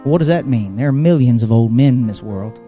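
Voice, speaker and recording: A man's voice: mid-range voice, animated, brisk, mellow, in a large hall, faint music behind. A man preaching a sermon in a church, impassioned, repeating phrases and building emphasis. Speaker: pastor. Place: church sanctuary.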